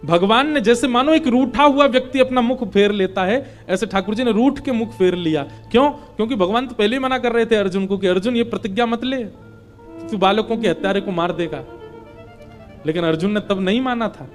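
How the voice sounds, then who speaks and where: A man's voice: very high-pitched, brisk, few pauses, faint music behind. A man retelling a scripture story as a devotional preacher, explaining it emphatically and chanting verses.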